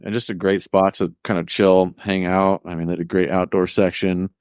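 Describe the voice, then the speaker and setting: A man from Colorado chatting as a podcast guest, relaxed and slangy, often breaking into laughs. His voice is very low, and the recording is dry and close to the mic. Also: normal speed, clear, resonant tone, no room sound. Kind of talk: casual chat.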